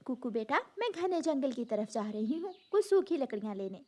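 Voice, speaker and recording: Gentle mother sparrow. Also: sits high, big pitch swings, normal speed. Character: caring, brave mother sparrow.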